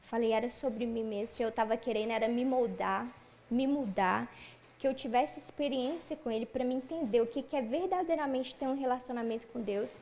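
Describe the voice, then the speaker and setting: Young woman, church testimony, high-pitched, gravelly, lively storytelling, acts out dialogue. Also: a little fast, slight background noise. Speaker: church member giving a testimony. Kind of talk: personal testimony told to a church audience.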